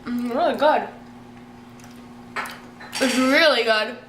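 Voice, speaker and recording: Chatty young woman with a higher voice. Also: slow pace, a bit bright, slight background noise. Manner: chatty and rambling, with many fillers and giggles. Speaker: vlogger. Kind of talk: casual cooking vlog chat. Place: home kitchen.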